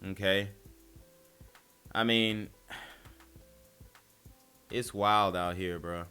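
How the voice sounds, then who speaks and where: A man's voice: fairly low pitch, steady tone, extremely slow, sharp tone, clean tone, soft background music. A man hosting a casual opinion commentary, talking bluntly and emphatically in slang into a close mic. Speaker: commentary channel host.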